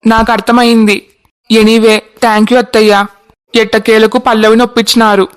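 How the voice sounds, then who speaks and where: A voice artist voicing a polite young husband in a cartoon. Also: male voice, sits high, level tone, normal speed, clear, resonant tone, natural voice.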